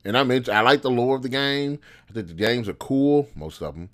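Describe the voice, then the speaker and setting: Thinking aloud in slangy, informal speech, a man hosts a show on video game movies and offers casual, opinionated commentary. His voice is medium-pitched and fairly quick.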